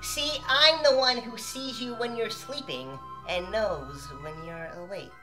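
A woman voicing a mischievous, menacing male elf doll in a comedy skit, dropping into a disguised deep voice. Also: measured pace, over music, natural voice, low-quality recording.

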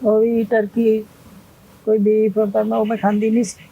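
A woman's voice: mid-range voice, monotone, normal speed, gravelly, husky, phone-quality sound. An older woman, telling her story plainly in an interview. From Punjab. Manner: plain storytelling, retelling others' words. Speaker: interview guest. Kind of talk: emotional interview.

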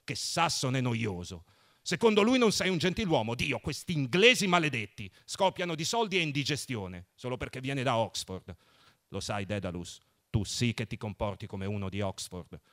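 A man voicing a plump, jovial young man who mocks and mock-preaches in a loud, theatrical way. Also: medium pitch, big pitch swings, moderate pace. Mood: boisterous mocking.

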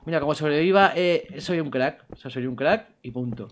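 A man with a Spain Spanish accent giving let's-play gameplay commentary, excitable and swearing freely, swinging from low muttering to yelled outbursts. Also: moderate pace. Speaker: gaming YouTuber.

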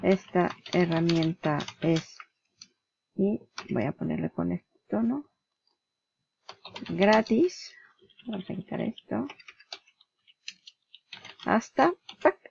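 Woman, gravelly fry, chatty tutorial walkthrough, dull lo-fi dry sound. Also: lowish voice, animated, slow, long pauses, warm tone. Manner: chatty, explains step by step, mimics clicks and flips aloud. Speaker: tutorial host. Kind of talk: screen-recorded software tutorial.

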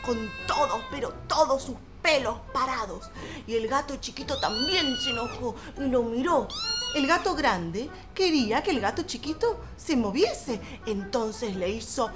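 A woman telling a children's story, playful and expressive, acting out sound effects. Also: high-pitched.

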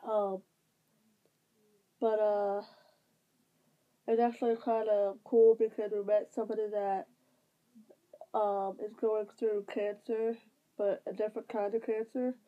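Lying on her bed, a young woman with a stuffy nose rambles through a casual vlog update, full of fillers and restarts. Her medium-pitched voice is flat and slow with long pauses. She's recorded close up on her device camera, which gives a tinny, phone-like sound.

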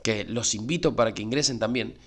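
A man with an Argentine Spanish accent speaks in a mid-range, brisk voice. He runs a YouTube crypto channel and chats casually with viewers, dropping plenty of "eh" and asking "¿sí?" as he gives informal spoken market commentary.

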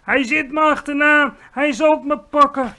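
A man's voice: extremely high pitch, little pitch movement, extremely slow, sharp tone, pitched above the performer's own voice, heavily acted. A man voicing a huge brutish child-eating giant, screeching and pleading in panic, in a storybook read-aloud. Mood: terrified.

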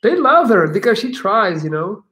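A cheerful Belgian man in his thirties, a coach, runs a relaxed livestream from his living room, chatting with viewers and reading their comments aloud. His voice is high for a man and sharp in tone, very animated, at a moderate pace. A laptop webcam mic picks him up.

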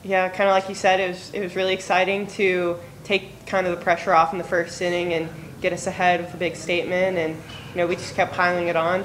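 A young woman, a college softball player, giving brief, matter-of-fact postgame answers. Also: lowish voice, a little hiss or hum. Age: young adult. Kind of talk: postgame press conference answers. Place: press conference room, indoors. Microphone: table microphone.

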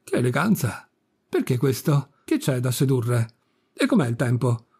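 A man's voice: mid-range voice, very animated, moderate pace, darkish tone, slightly rough. A man voicing a capricious, imperious old countess in an audiobook reading, peevish and scolding. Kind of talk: audiobook reading of a classic story.

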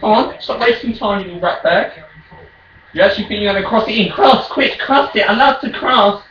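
A British man trash-talking as a raging gamer during an online football game, shouting and taunting his opponent. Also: high voice, normal speed, dull audio. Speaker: video game player. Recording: echoey room, distant mic, faint noise.

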